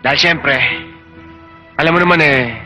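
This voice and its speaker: An actor playing a tough but tender young man in a Filipino action film, speaking in a low, teasing way. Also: moderate pace. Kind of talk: film acting. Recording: film soundtrack with loud music.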